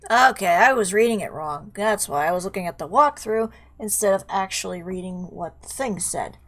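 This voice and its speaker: A woman's voice: medium pitch, animated, moderate pace, a bit bright. A woman giving casual let's play commentary, with wry, playful banter at the game's characters. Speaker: video game player commentating.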